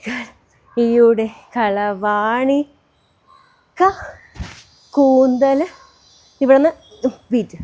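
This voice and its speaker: Woman dance teacher, high voice, unhurried counting and sung cues. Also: darkish tone. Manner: counts beats aloud, sings lyric lines slowly. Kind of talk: step-by-step dance tutorial.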